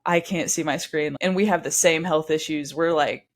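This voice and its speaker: Deep-voiced with fairly even intonation, this young woman in her twenties is a guest on a podcast. She recounts a long personal story in a relaxed, talkative way, a little congested from allergies. Her speech is quick, full of "likes" and restarts.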